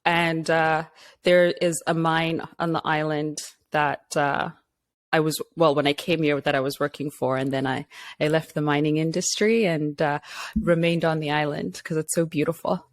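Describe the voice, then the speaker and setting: A woman's voice: deep voice, flat delivery, normal speed. A woman from Zimbabwe, a guest on a podcast, chatting in a friendly way and sounding a little tired. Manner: friendly, chatty, laughs easily. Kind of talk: casual interview chat.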